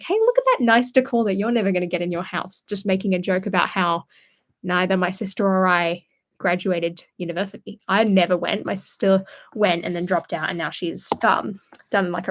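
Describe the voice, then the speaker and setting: A young woman hosting a casual live stream, telling rambling stories and answering comments in a chatty way. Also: mid-range voice. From Australia. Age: young adult. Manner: chatty rambling storyteller, many fillers. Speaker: channel host. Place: at home indoors.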